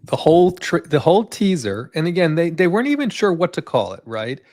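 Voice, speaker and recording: A man's voice: fairly high pitch, very animated, fairly quick, a little mellow, dry recording. A man co-hosting a live entertainment news chat, talking in long rambling runs full of fillers and tag questions. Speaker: co-host.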